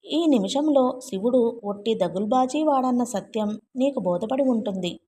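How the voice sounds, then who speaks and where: A woman narrating a novel aloud with an expressive storytelling reading. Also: a little high, normal speed. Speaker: audiobook narrator.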